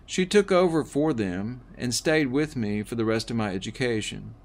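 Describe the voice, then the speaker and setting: A man reading a first-person book aloud in a measured way, with the odd slip and restart. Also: medium pitch, animated. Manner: slow, measured reading with small slips and restarts. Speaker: audiobook reader.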